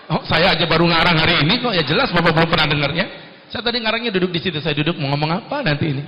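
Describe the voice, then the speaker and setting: A male preacher giving a lively, joking Islamic sermon at a company event in a ballroom. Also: sits high. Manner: lively, joking, plays many voices. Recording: echoey ballroom through dull PA.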